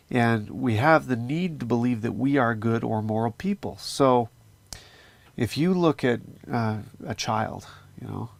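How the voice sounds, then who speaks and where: A man's voice: mid-range voice, vocal fry, darkish tone, no room sound. A man giving an earnest, conversational scripture lesson, with fillers as he explains. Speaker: religious teacher. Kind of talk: casual scripture teaching.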